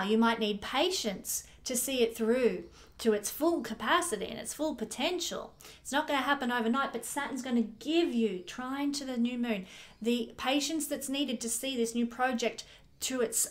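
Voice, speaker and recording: Woman, astrologer, casual forecast, fairly high voice, chatty, self-correcting. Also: moderate pace. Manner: chatty, laughs often, corrects herself.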